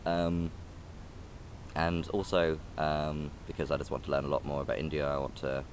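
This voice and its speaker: With a rumbling low voice showing little pitch movement, a young man speaks at normal speed in a casual park vlog near a railway line. There is slight background noise, and a phone or camera is held close. He hesitates and rambles, restarting often and saying um a lot.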